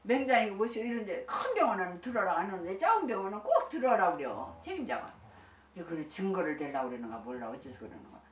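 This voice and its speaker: A woman's voice: medium pitch, sing-song, fast. Older woman chatting in an echoey room. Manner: folksy and chatty, laughs often, many restarts. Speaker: senior Won Buddhist minister. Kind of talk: recounting life experiences to listeners. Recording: echoey room, distant mic, faint hiss.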